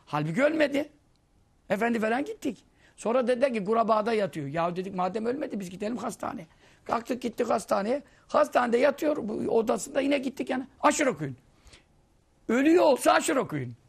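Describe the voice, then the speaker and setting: An Islamic preacher teaching hadith gives a conversational religious lesson in a brisk, slightly rough voice with vocal fry. He tells anecdotes and acts out the people he quotes, his pitch and loudness swinging in lively storytelling.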